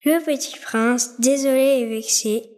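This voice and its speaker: A woman narrating a children's story with slow, careful reading. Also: high-pitched, a little mellow. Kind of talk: storybook narration over music. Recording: music playing behind.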